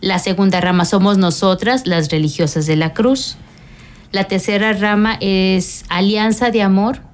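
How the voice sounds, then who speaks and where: Middle-aged woman, religious sister, radio interview guest, calm and explanatory, even pitch. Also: a little slow. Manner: calm, explanatory, frequent fillers.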